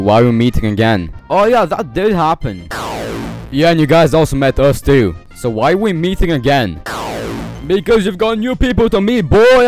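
A man's voice: mid-range voice, a little mellow. A man narrating a comedic game meme, bickering and switching between silly character voices. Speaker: meme video creator.

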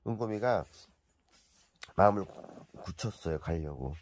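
A man's voice: sits low, animated, unhurried. Sing-song man coaxing his pets. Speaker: pet vlogger. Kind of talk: casual narration to pets.

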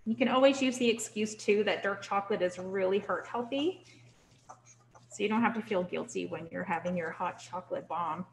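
A young woman teaching a cooking class in a kitchen, relaxed and chatty, checking in with "okay?" as she goes. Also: medium pitch, normal speed, vocal fry, slight background noise. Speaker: cooking instructor. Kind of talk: live online cooking class.

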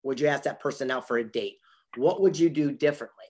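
On a video call from a home office with a wall of memorabilia, a husky-voiced man in his fifties, a motivational speaker and author, tells anecdotes emphatically as an interview guest and acts out the dialogue. His pitch is medium, his pace fast, and his tone darkish. The audio comes through a computer mic.

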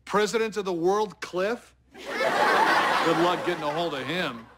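A man's voice: high voice, expressive, takes it slowly, very noisy. An actor playing a busy, forgetful grown-up rich father in a TV sitcom, with a breezy delivery. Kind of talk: TV sitcom acting.

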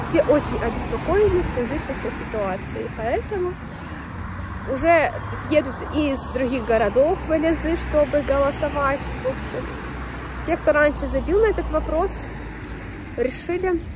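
A high-voiced young woman walks down a city street beside traffic, chatting informally and with plenty of slang in a casual vlog. She's slightly unwell with a runny nose, holding her phone at arm's length, and street and traffic noise come through clearly.

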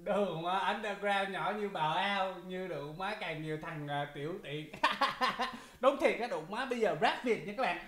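A man's voice: high voice, normal speed, hardly any pauses, a bit bright. A man hosting a reaction video, exclaiming often, laughing and repeating lines from a rap song. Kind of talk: excited reaction commentary. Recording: echoey room with music playing. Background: hip hop music.

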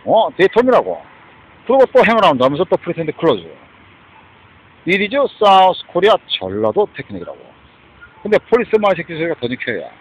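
A raised, husky male voice swings up and down in pitch as he rants on and on. He keeps stopping to throw a questioning "huh?" at the listener and drops English phrases into his talk. It sounds like a dull, lo-fi street recording. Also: huge pitch swings, fairly quick, pauses often. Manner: agitated, repeatedly prompts with "huh?", mixes in English phrases. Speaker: homeless man ranting. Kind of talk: rambling monologue.

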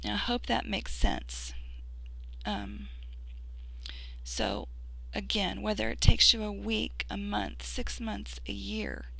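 A woman who is losing her voice gives a casual screen-recorded tutorial as a sponsor, sounding earnest and encouraging with frequent fillers and restarts. Her mid-range voice is expressive, slow, a bit bright and marked by vocal fry. The audio is poor but has no echo.

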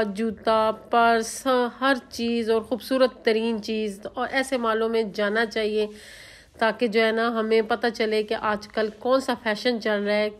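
A woman vlogger from Pakistan, narrating her outing in a chatty, homely voice-over. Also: a little high. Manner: chatty, homely, leans on filler phrases.

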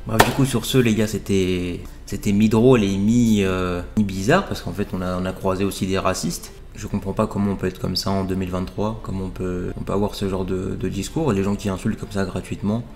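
A young man signing off to his viewers in a quiet, low-key, hesitant way. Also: fairly even intonation, a little fast, few pauses, over music. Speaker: vlogger. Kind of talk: calm outro to viewers.

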